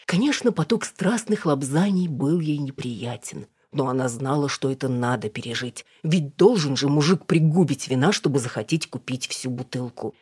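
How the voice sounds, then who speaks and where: Low husky woman narrator. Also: lively intonation, moderate pace, few pauses, a little mellow, no echo, studio quality. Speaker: audiobook narrator. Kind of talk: scripted narration.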